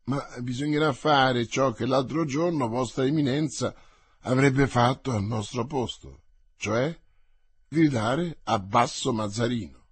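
A man's voice: medium pitch, a little slow, husky, no room sound. Man doing a guarded, cool musketeer officer. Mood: measured. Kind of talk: audiobook character voice.

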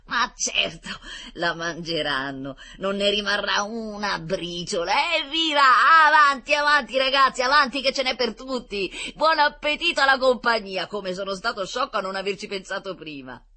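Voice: mid-range voice, wildly swooping pitch, slow pace, a bit bright, slightly rough, pitched above the performer's own voice, full character voice. A reader voicing a fussy elderly male professor, dismayed and then elated. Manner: fretful, then giddy and exclaiming.

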